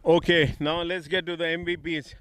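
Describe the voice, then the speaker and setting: A man hosting a ceremony informally, casual and quick to interject. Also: a little high, little pitch movement, fairly bright tone, clear, resonant tone, dry recording. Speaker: event host. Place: outdoor school playing field.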